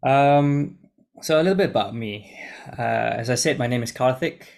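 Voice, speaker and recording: A Singaporean junior doctor in his twenties talks casually to camera from a script, hesitating and restarting often. His mid-range voice is gravelly and a little mellow at a normal speed, captured by a laptop mic on a video call in his room.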